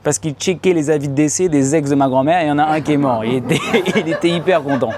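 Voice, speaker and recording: Young man doing animated stand-up. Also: quick pace, over loud music. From France. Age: young adult. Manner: animated storytelling, acts out voices with loud high outbursts; slangy casual French, addresses audience directly. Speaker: stand-up comedian. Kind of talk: stand-up comedy set. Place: comedy club stage before a live audience.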